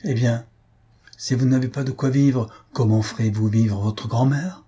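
A husky, dark-toned male voice of medium pitch, steady and a little slow, reads an audiobook. He voices a stern, practical middle-aged aunt, pitched well above his own range, who lectures bluntly. She scolds in a firm, cutting way.

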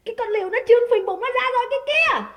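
A woman voicing a furious, jealous lady of the house who scolds and curses in shrill shouts. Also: rapid-fire, long reverb tail, natural voice. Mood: enraged scolding.

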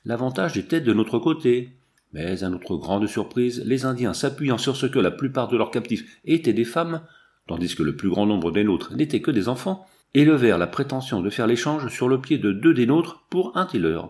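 A man reading an adventure novel aloud in a measured, dramatic storytelling manner. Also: medium pitch, animated, darkish tone. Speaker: audiobook reader. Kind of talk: audiobook narration.

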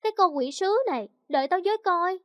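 A woman's voice: sits high, moderate pace, dry recording, highs cut off, natural voice. A woman voicing a cheeky, playful teenage boy who teases his friend. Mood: teasing. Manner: teasing, playful.

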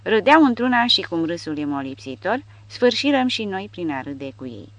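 A woman's voice: lowish voice, sing-song, dry recording. A woman narrating an audiobook expressively. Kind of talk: scripted narration.

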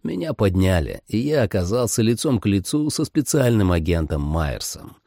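A man's voice: on the low side, very animated, moderate pace, dark tone, dry recording, clean studio sound. A man narrating a first-person action audiobook dramatically. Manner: dramatic, voices every character.

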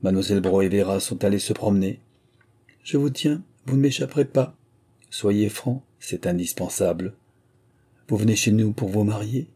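A man's voice: fairly low pitch, moderate pace, dark tone, slightly rough. A man voicing a self-assured young woman who teases in a playful, mock-stern way, reading from a storybook. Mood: teasing.

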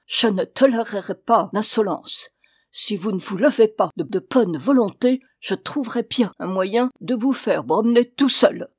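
A woman's voice: fairly high pitch, normal speed, few pauses, darkish tone, dry recording, close to an everyday voice. Give me a woman voicing a violent, curt male Prussian officer from an audiobook, read in a dry close voice. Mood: brusque. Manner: curt, commanding.

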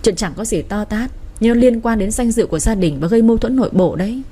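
A woman voicing a calm, formal older father-in-law who speaks in a measured way. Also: fairly high pitch, breathy edge.

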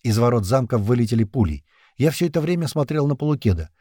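A man narrating a first-person thriller audiobook in an expressive, tense way. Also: medium pitch, fast, no room sound, clean studio sound.

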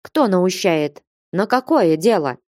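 Stern old abbess snapping impatiently in a storybook, dark dry voice, a lady reader doing her. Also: on the low side, lively intonation, takes it slowly, dry recording. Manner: sharp, impatient. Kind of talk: audiobook character reading.

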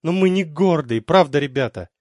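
A man's voice: a little high, expressive, normal speed, darkish tone, dry recording, clean studio sound, voice pushed up, natural voice. A man voicing a sleazy, lustful male soldier who wheedles greedily and fawns with an undercurrent of menace. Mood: wheedling.

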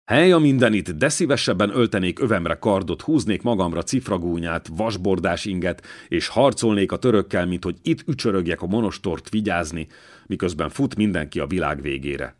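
A man's voice: deep voice, expressive. A male reader voicing a restless young Benedictine monk who speaks in an impassioned, pleading way. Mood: eager, restless.

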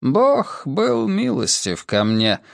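A man voicing an old, hunched rich benefactor who speaks slowly and grandly. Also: fairly high pitch, huge pitch swings, creaky, dry recording, clean studio sound, heavily acted. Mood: grand, modest. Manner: slow, drawn-out grand speech.

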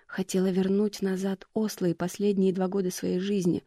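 An audiobook narrator reading a thriller chapter in scripted narration with a steady, even delivery. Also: medium pitch, moderate pace, no echo, studio quality.

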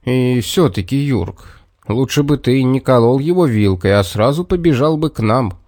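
A man's voice: medium pitch, expressive, moderate pace, darkish tone, dry recording. A man voicing a stern, grumbling father in a children's story, close to his own voice.

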